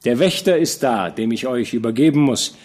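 A man reading a veteran army commander who speaks to a young knight in a warm, fatherly, measured way. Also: medium pitch, animated, lightly acted. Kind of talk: audiobook character reading.

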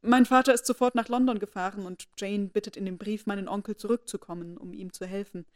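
A woman's voice: mid-range voice, steady tone, fast, a little mellow, close to an everyday voice. A woman reading aloud, voicing a distressed young lady who speaks urgently and falters near tears. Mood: despairing. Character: distressed young lady, anxious for her sister.

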